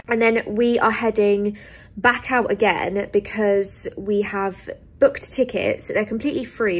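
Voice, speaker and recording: A woman's voice: mid-range voice, slightly rough. Chatty young British-born woman vlogging. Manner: chatty, with frequent ums and likes. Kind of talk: casual travel vlog.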